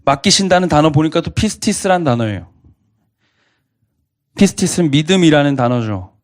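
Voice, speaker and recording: A man's voice: fairly high pitch, animated, brisk. A man pastor preaching a sermon to a college congregation, earnestly asking them repeated questions.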